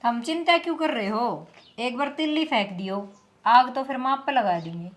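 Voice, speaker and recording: A woman's voice: a little high, animated, normal speed, close to an everyday voice. A woman playing a scheming Haryanvi village daughter-in-law.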